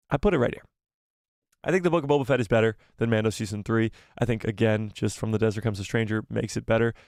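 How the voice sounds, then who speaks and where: Hosting a live fan show, this man offers firm opinions and reads viewer replies aloud while his voice gives out. He has a medium, somewhat dark tone, and the studio sound is clean with no room ambience.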